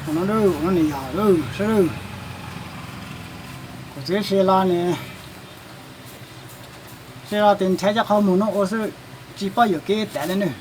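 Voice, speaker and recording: A man's voice: high-pitched, fairly even intonation, moderate pace, long pauses, darkish tone, slight background noise, poor audio. A man working as a car mechanic, casually explaining a repair step by step and pointing things out as he goes. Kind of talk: casual hands-on repair demonstration. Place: garage or workshop.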